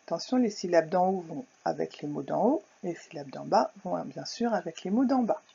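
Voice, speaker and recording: A woman teaching a recorded phonics lesson to young children, speaking slowly and clearly, sounding out words syllable by syllable. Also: fairly low pitch, expressive, mellow. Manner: slow, carefully articulated, syllable by syllable. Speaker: primary school teacher. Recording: dull lo-fi recording.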